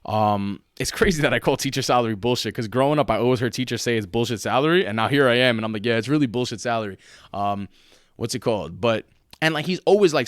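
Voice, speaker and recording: A man in his late twenties co-hosting a podcast, chatting casually in an animated, profane, slangy way. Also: mid-range voice, no echo, studio quality. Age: late 20s. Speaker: podcast co-host.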